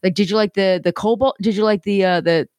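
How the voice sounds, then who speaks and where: A woman's voice: medium pitch, fairly even intonation, fast, a little mellow, dry recording, studio quality. A woman co-hosting a podcast in casual chat, rambling with lots of "the thing is, like.". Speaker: podcast co-host.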